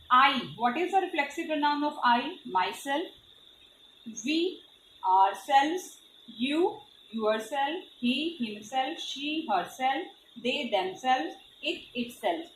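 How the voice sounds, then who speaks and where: With a high, somewhat bright voice, a woman teacher with an Indian English accent explains grammar to pupils in careful steps and spells out letters. A little hiss or hum runs under the recording, made from a distance in an echoey room.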